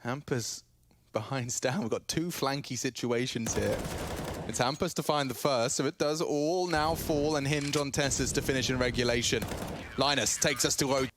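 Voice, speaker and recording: A man's voice: mid-range voice, steady tone, moderate pace. Male esports caster over game gunfire. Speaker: esports caster, play-by-play commentator. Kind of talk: live esports match commentary. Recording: clear game gunfire and clicking noise behind. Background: game gunfire and clicks.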